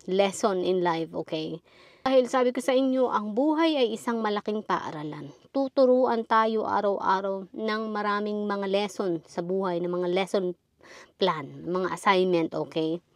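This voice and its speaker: A woman's voice: mid-range voice, no echo, studio quality. A woman vlogger giving life advice in a lecturing, emphatic way, often checking in with her listeners. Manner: lecturing, keeps asking "okay?"; repetitive, emphatic. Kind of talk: casual advice monologue.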